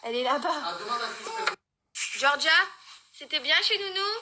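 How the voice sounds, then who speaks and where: A woman's voice: sits high, expressive, measured pace. A mother coaxing her small children in repetitive, sing-song baby talk. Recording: loud background noise.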